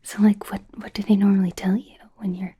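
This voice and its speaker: Playing a friendly young werewolf doctor in an ASMR roleplay, a woman whispers in a soft, breathy, mid-range voice at a brisk pace. Her tone is dark and relaxed, her delivery hesitant, casual and a bit flustered. She reassures in an awkward, rambling way, caring and curious.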